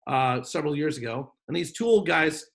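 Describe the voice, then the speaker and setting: A man's voice: on the high side, expressive, a little fast, gravelly, fairly bright tone. A man hosting an online business workshop over a video call, talking in a joking, off-the-cuff way. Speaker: workshop host.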